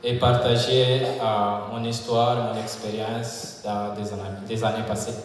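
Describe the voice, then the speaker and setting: A man giving an informal public speech, pausing haltingly for an interpreter. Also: on the low side, level tone. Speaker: guest speaker sharing personal story. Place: large echoey hall at a public gathering. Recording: echoey hall, distant mic, noisy.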